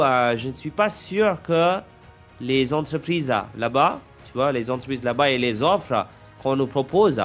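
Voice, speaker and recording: A man's voice: fairly high pitch, a bit bright. Casual French-accented male examiner. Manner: casual, prompting with tag questions. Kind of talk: speaking exam role-play.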